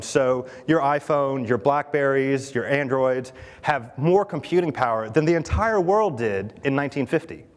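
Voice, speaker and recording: A man speaking at a conference, chatty and full of fillers, often checking in with the audience. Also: mid-range voice. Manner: chatty, asks the audience questions, many fillers. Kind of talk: conference keynote talk. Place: large conference hall. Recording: long hall reverb.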